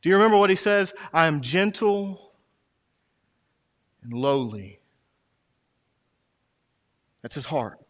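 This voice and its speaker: A man's voice: fairly high pitch, lively intonation, slow, pauses often. A man preaching a sermon as pastor, impassioned, with his voice rising and falling. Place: church sanctuary. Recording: reverberant hall.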